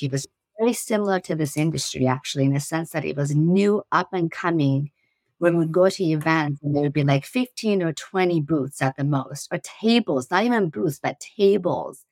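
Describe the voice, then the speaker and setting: Speaking in a deep voice on a dry recording, an Iranian woman in her forties with a slight accent answers interview questions as a guest. She's a startup CEO who responds earnestly and laughs readily.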